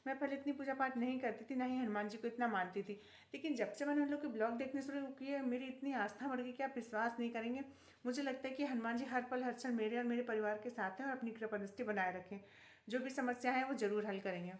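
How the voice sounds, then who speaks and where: A woman's voice: fairly high pitch, steady tone, fast talker, echoey room. A woman vlogger telling a personal devotional story in a chatty, earnest way, often turning to her viewers. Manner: chatty, earnest, keeps addressing viewers as friends.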